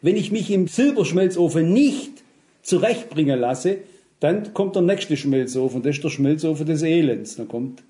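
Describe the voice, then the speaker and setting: A man preaching a sermon, switching between emphatic stress and quiet, hushed remarks. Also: on the high side.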